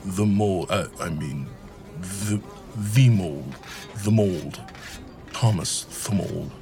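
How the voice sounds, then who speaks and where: A man playing a lonely, self-pitying mold in an audio drama, gravelly and halting in a melodramatic way. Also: low-pitched, dark tone. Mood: flustered. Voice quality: gravelly, creaky.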